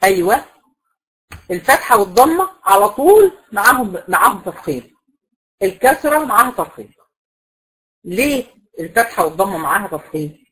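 Egyptian lady teacher, quick lecture, bit husky, keeps quizzing the class. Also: mid-range voice, big pitch swings, fairly bright tone, rough recording. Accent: Egyptian Arabic. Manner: explains patiently, asks the class questions and repeats key rules. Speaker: Quran recitation teacher.

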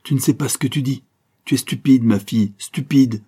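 A man's voice: mid-range voice, moderate pace, mellow, breathy edge, pitched above the performer's own voice. A man reading aloud voices a stern, impatient banker father who speaks coldly and irritably. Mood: scornful. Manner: cold, irritable.

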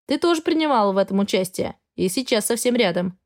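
A woman's voice: medium pitch, fast talker, close to an everyday voice. Woman doing a cold, arrogant male dragon. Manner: flat, indifferent tone.

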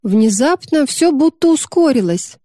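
A woman narrating a novel in a smooth, expressive storybook reading. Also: high voice, measured pace, no room sound, studio quality.

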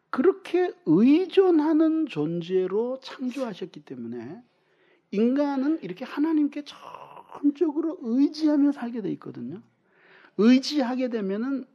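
A man pastor preaching an animated sermon, acting out little dialogues and dropping to whispers at times. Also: very high voice, slightly rough. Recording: muffled lo-fi sermon recording.

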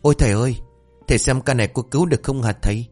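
A man's voice: medium pitch, expressive, fast, faint music behind, close to an everyday voice. A man voicing two foolish young male apprentices who plead and panic over their master. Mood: whiny, panicked.

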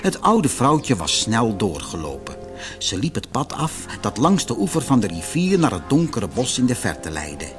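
A man reading a fairy-tale audiobook in an expressive, theatrical storytelling manner. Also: medium pitch, moderate pace, faint music behind. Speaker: narrator.

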